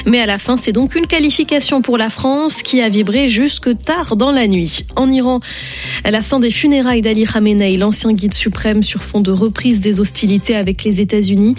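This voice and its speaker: A woman anchoring a radio news bulletin, reading briskly and clearly with the odd filler. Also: a little high, soft background music. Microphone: studio microphone.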